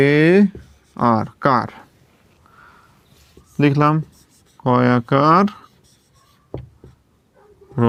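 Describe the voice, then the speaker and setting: Here a man with a smooth, mid-range voice gives a careful pronunciation lesson at a writing board, breaking English sounds down one by one and confirming his students understand. The recording has no echo.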